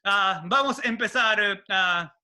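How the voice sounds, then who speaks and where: A man hosting an interview, asking questions haltingly with many "ah" fillers. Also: sits high. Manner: halting, many "ah" fillers, soft murmured replies. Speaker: host.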